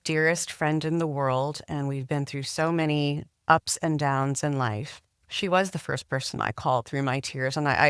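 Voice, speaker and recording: A middle-aged woman hosting a podcast, speaking earnestly and sometimes halting on repeated words. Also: sits low, clean tone, dry recording, clean studio sound. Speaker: podcast host. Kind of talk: interview.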